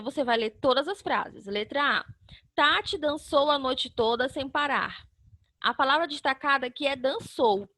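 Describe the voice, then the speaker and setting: Woman, teacher, high voice, patient step-by-step explaining, children's online lesson. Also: a bit bright, dry recording. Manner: patient, explaining step by step and sounding out syllables slowly; asks the class questions and answers them herself.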